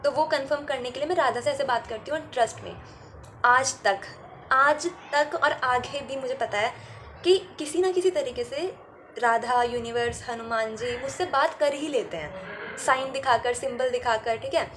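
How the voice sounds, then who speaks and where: A woman telling a personal spiritual story in a casual, frank vlog, often dropping in a quick "okay" and laughing easily. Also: high voice, a bit bright, a little hiss or hum. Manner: laughs easily while talking. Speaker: spiritual content creator.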